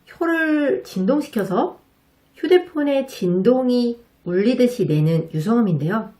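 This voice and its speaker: A woman teaching English pronunciation to Korean speakers, explaining politely and patiently and modeling each sound slowly and clearly. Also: fairly high pitch, expressive, dark tone. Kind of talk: slow, careful instructional narration.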